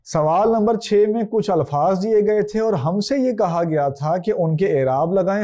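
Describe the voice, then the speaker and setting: Pakistani urdu accent guy doing a lesson, kinda high voice, goes letter by letter real slow. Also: dark tone. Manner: slow, spells out each letter and its vowel mark. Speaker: teacher. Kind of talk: recorded exam-prep lesson. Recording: dull lo-fi recording.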